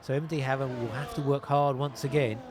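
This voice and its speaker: A man calling an online sim racing league race, narrating positions, tyres and penalties in steady play-by-play over a headset. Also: medium pitch, fast, noisy background. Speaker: lead commentator.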